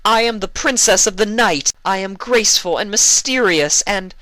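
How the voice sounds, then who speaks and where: A man's voice: high voice, moderate pace, sharp tone, no room sound, pitched above the performer's own voice. A man voicing a young pony princess who is petulant, proud and easily flustered, in a whiny, indignant manner for a story reading. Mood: exasperated, indignant.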